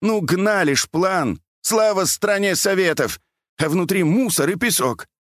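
A man voicing an old male dam watchman, a war veteran who shouts, wails and fusses. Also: high-pitched, lively intonation, a little slow, no echo, studio quality, voice pushed up. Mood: lamenting. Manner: wailing, shouting, fussing.

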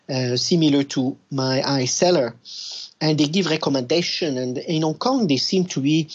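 A man with a French-Canadian accent talks through a dull, muffled phone line. His voice is husky and a little breathy. He pauses often with "uh" and restarts his phrases as he explains. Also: fairly high pitch. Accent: Québécois French. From Quebec, Canada. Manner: hesitant, many "uh" and restarts. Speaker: wine business guest. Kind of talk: radio interview over the phone.

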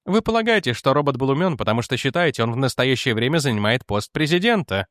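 A man's voice: medium pitch, very animated, fast talker, fairly bright tone, no room sound, clean studio sound. A man reading aloud as a skeptical male official who defends the president and argues back. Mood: arguing.

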